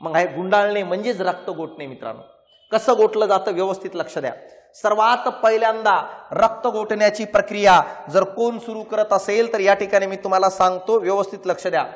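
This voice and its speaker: A man teaching exam-prep science, explaining through lively stories and rhetorical questions. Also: high-pitched, a little fast, in a large hall.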